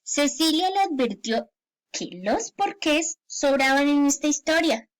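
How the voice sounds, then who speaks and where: A woman's voice: high-pitched, animated, unhurried. A woman teacher gives a grammar lesson to children, patiently repeating each example and checking in often.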